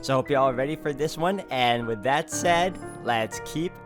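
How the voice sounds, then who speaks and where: At a normal speed and in a mid-range voice, a man voices a visual novel's narration for his game walkthrough and throws in casual commentary. Game music can be heard behind him.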